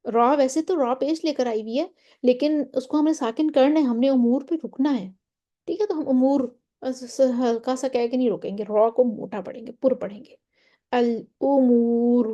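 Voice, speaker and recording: A woman's voice: sits high, dark tone, muffled recording. A woman teaching a Quran recitation lesson, explaining step by step and often checking that her listeners follow. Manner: draws out Quranic example words slowly.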